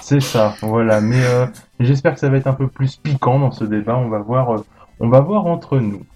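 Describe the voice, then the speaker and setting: A man's voice: mid-range voice, moderate pace, darkish tone, a little hiss or hum. A man hosting a casual gaming podcast, chatty and full of fillers and restarts. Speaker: podcast host.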